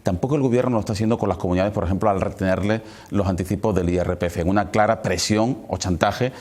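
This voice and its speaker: A man's voice: sits low, steady tone, quick pace, darkish tone. A man hosting a political interview, putting long, formally worded questions to his guest. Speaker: interviewer, programme host.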